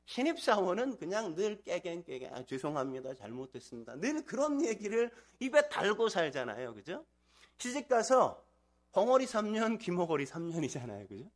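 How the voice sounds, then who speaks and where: A man's voice: high-pitched, very animated, normal speed. A man preaching a sermon to his congregation, asking them frequent rhetorical questions and acting out the voices in his stories. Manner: acts out quoted voices in anecdotes. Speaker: pastor. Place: church sanctuary.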